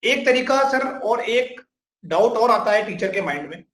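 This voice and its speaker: A man's voice: high-pitched, animated, a little slow, a bit bright. A man interviewing a guest in a polite, respectful way, often addressing him as sir. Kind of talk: interview conversation. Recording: echoey room.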